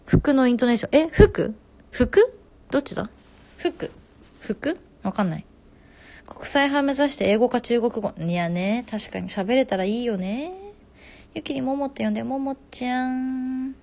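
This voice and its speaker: Fast-chatting young Japanese idol woman. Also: fairly high pitch, vocal fry, a little mellow. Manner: reads comments aloud and answers quickly. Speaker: idol hosting a live stream. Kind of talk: casual chat reading viewer comments. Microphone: phone.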